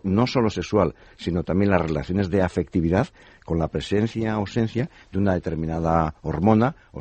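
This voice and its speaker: Low mellow husky guy, author guest on radio, dry studio sound. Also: no echo. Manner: detailed, measured explanation. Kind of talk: radio interview.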